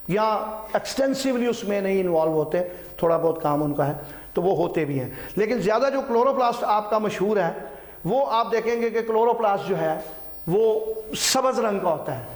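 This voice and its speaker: Man, science teacher, high voice, repeats key terms, roomy echo. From Pakistan. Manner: repeats terms, checks in with "ठीक है"; mixes English terms into Urdu. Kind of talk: classroom biology lecture.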